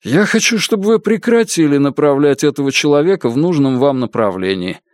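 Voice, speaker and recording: A man's voice: on the high side, animated, fairly quick, a little mellow, no room sound, natural voice. A man voicing an exasperated male lawyer who objects firmly. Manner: firm, objecting.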